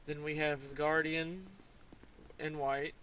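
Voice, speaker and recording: A man's voice: fairly high pitch, level tone, slow, fairly bright tone, slight background noise, poor audio. Rambling man giving a game tour. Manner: rambling, offhand, hesitant. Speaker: gamer showing his garage. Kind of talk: casual gameplay commentary.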